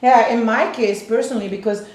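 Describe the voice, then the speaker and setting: This woman, a Belgian real estate agent in her fifties, talks through things at length with clients in a casual interview, frequently starting her sentences over. Her voice is a little high and darkish, steady and brisk, and the room is echoey.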